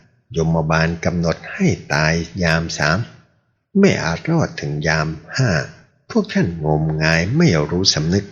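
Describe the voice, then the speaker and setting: A man's voice: deep voice, wildly swooping pitch, measured pace, slightly rough, full character voice. A man reading a stern young swordsman hero. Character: proud young male martial arts hero, cold and threatening. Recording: muffled lo-fi recording.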